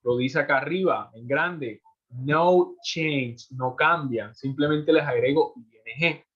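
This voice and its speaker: A man's voice: a little high, takes it slowly, a bit bright. A man teaching an English class in Spanish, explaining rules step by step and checking in with his students after each point. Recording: muffled lo-fi audio.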